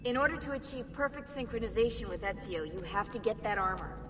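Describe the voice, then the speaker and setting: A woman's voice: fairly high pitch, animated, quick pace, lightly acted. An actress playing a woman who instructs the player in a video game. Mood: instructive. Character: woman guiding a player through a simulation. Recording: distant voice with reverb and music. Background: game music.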